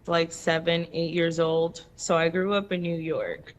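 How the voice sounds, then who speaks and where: Slow, low-voiced woman from the Dominican Republic. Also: flat delivery. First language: Spanish. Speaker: guest. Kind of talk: casual interview talk.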